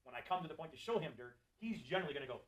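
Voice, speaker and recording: A man's voice: a little high, rapid-fire, rough recording. A man giving a live sales and service training talk to a group of technicians, joking and putting questions to people in the room. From Florida. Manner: animated, jokey, asks the audience questions.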